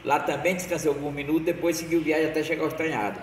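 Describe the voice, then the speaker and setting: A man's voice: a little high, steady tone, rapid-fire. A man tells local history in a loose, rambling way, often restarting and correcting himself. His voice is heard from a distance in a reverberant, roomy space. A faint noise runs underneath. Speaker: local storyteller. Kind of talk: oral history storytelling.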